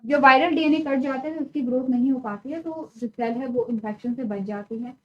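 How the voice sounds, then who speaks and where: A woman's voice: high voice, a little fast, dull audio. A woman teaching biology in a virtual classroom lecture, explaining step by step and answering her own questions. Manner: explains step by step, asks questions then answers them, frequent "ठीक है" check-ins. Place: studio classroom.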